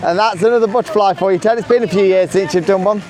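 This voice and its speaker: A woman chatting casually and exclaiming excitedly while riding a roller coaster outdoors. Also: mid-range voice, quick pace. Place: outdoors on an amusement park ride. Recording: noisy outdoor ride, clattering vehicle sounds.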